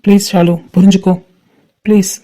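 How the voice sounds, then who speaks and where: A woman's voice: medium pitch, level tone, normal speed, dark tone, close to an everyday voice. A woman voicing a heartbroken young man in a fan-made cartoon, pleading and repeating please as he turns away his love. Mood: pained.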